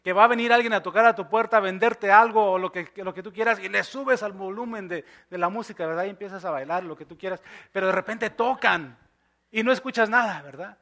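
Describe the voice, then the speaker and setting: A male pastor preaching a sermon, dropping to soft near-whispers and then rising to loud, emphatic lines. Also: high-pitched, a little fast. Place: church.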